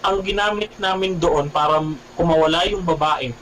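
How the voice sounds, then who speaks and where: Man, high voice, animated, repeats himself, radio guest testimony. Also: normal speed, rough recording. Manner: animated, keeps calling the host "bro", repeats himself. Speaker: guest telling his conversion story.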